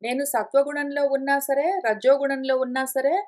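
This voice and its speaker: A woman with a high, light voice teaches a scripture class. She explains each point patiently, step by step, building on everyday examples. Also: steady tone, normal speed, darkish tone. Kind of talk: explanatory lecture. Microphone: conference call line.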